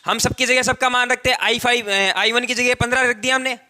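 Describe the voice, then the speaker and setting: A bright, high-voiced man with a steady tone teaches a classroom lecture at a whiteboard as a technical tutor. His delivery is explanatory and repetitive, with drawn-out stressed words.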